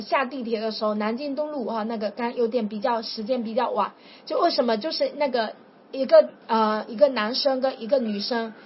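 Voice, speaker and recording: A woman preaching informally to a small group, telling a story in a chatty, animated way. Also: high voice. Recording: dull lo-fi with faint noise.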